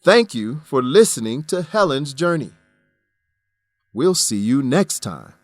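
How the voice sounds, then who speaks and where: A man presenting an English lesson in scripted narration, with a measured, didactic delivery. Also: medium pitch, big pitch swings, faint music behind.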